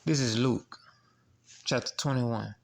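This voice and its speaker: Here the preacher's voice sits in the mid range and has a creaky quality. He teaches scripture by circling back over the same points, asking rhetorical "what?" questions, and pausing, restarting, and filling gaps as he goes.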